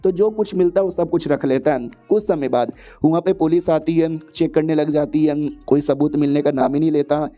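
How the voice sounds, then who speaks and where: A man's voice: on the high side, moderate pace, warm tone, faint music behind. A man narrating a comic recap in a chatty, slangy style, mixing in English words.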